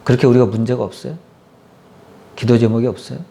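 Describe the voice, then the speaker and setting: A man's voice: mid-range voice, fairly even intonation, fast, vocal fry, dark tone. A male pastor preaching a sermon with passion, often turning to the congregation and acting out prayers. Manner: impassioned, acts out prayers and quotes, asks the congregation.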